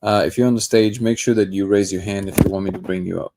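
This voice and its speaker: Heavy background noise surrounds a man hosting his daily livestream as he chats casually, reads comments and greets viewers by name. His voice is low-pitched and fairly even, and he talks at a quick pace.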